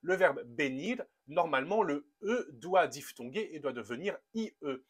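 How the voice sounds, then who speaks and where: A man teaching a language lesson, upbeat and methodical, slowing down to spell out each verb form. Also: fairly high pitch, expressive, slightly rough. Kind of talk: explaining grammar to a camera.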